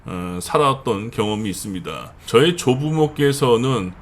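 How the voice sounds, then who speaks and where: A man's voice: medium pitch, expressive, moderate pace. A middle-aged man from the Seoul area hosting his own channel, giving a chatty monologue full of fillers and emphatic repetition. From northern Gyeonggi and Seoul, South Korea. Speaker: channel host. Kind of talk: monologue commentary.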